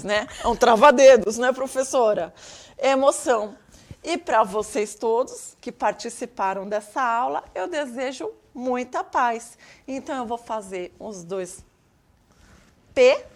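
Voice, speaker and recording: A woman teaching sign language signs to students in a playful, expressive way, full of diminutives. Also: a little high.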